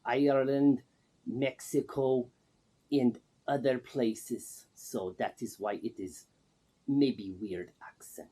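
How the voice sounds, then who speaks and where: A man playing an eccentric self-proclaimed pop star with a put-on Russian accent, speaking in broken English with a deadpan, boastful manner. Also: medium pitch, takes it slowly, slightly rough. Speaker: interviewee.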